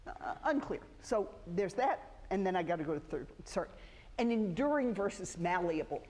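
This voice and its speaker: A woman's voice: on the low side, animated, brisk, a little mellow. A woman sociology professor giving a university lecture in a conversational way, often correcting herself and restarting. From United States. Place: lecture hall. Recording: echoey lecture hall with faint ambience.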